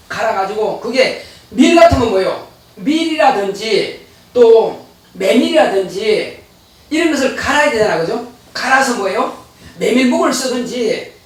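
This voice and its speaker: A man's voice: very high-pitched, very echoey, distant mic, rough recording. A male pastor giving a folksy, chatty sermon full of rhetorical questions to his congregation. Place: church sanctuary.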